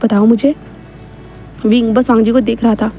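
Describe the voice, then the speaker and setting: A woman's voice: a little high, level tone, fast, warm tone, slight background noise. A woman narrating fan fiction in a casual, chatty retelling with frequent fillers.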